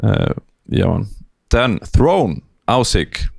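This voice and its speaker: A laid-back man chats casually on a podcast, drawling and mixing in English words. His voice has a gravelly edge. The sound is close and dry, with no room. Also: on the low side, sing-song, very slow, a little mellow, dry recording. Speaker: podcast co-host. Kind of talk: casual chat.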